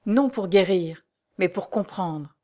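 A woman reading the part of an elderly male doctor, grave and sorrowful, with measured, somber replies. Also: mid-range voice, lively intonation, a little mellow.

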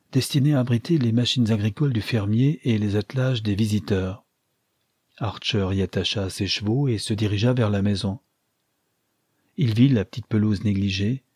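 Husky, dark-voiced male narrator. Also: lowish voice, no echo, studio quality. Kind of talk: audiobook narration.

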